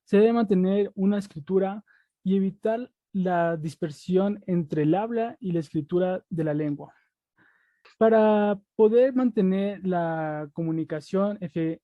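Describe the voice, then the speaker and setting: A student giving a class presentation, halting, with many fillers and restarts. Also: medium pitch, no room sound, highs cut off.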